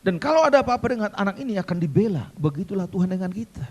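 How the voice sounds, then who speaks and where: A man preaching an animated sermon, calling out to his congregation as their pastor. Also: sits high, very fast.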